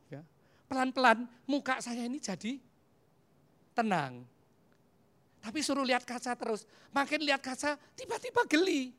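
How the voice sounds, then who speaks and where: Animated Javanese-accented preacher in their fifties. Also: mid-range voice. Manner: animated storyteller who acts out dialogues and mixes in English phrases. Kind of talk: humorous sermon with personal stories.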